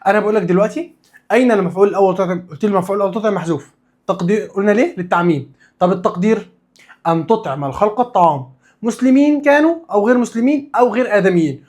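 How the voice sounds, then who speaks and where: A man's voice: sits high, rapid-fire, darkish tone. A man with an Egyptian accent teaching a religious studies lesson, drilling students with repeated questions and answers and casual, playful asides. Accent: Egyptian Arabic.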